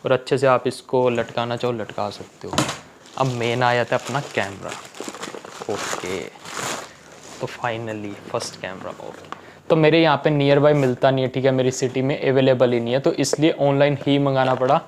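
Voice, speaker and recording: A young man talks through an unboxing at home in an easy, chatty way, checking in with the viewer every few lines. His voice sits at an ordinary middle pitch, with a faint hiss behind it. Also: normal speed. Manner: chatty, keeps saying "theek hai". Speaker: vlogger. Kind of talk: casual unboxing vlog.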